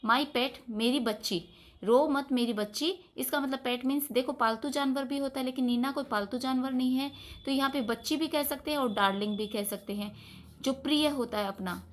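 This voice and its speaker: A woman teacher giving an online English lesson, reading story lines slowly and translating them word by word. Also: high voice.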